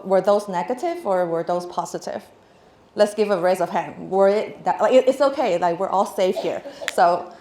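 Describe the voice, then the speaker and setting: A woman in her thirties from Hong Kong, speaking with a Hong Kong accent, gives a casual stage talk to an audience in a large, echoey hall. Her voice is medium-pitched and a little mellow, and she's chatty, laughing often, with lots of fillers and restarts.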